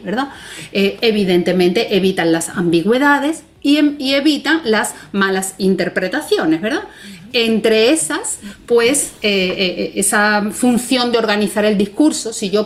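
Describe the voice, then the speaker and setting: A woman guest explaining punctuation in a conversation, patient and methodical, often checking in with tag questions. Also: mid-range voice. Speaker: Spanish language expert guest.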